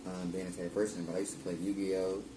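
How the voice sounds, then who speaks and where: A man co-hosting a home vlog, chatting casually and haltingly with "um" restarts, a bit away from the mic. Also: deep voice, flat delivery. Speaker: co-host, partner. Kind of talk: casual chat. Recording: roomy, off-mic with background noise.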